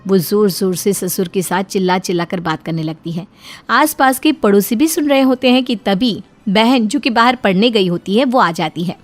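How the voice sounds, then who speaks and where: A woman giving steady, scripted narration for a cartoon moral story. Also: mid-range voice, normal speed, soft background music.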